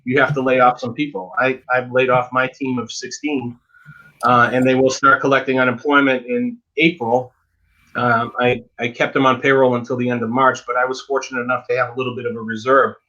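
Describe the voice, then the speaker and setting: A man's voice: medium pitch, little pitch movement, fairly quick, bright, forceful tone, lo-fi sound. A dentist giving frank, emphatic advice in a casual interview, often repeating words as he talks.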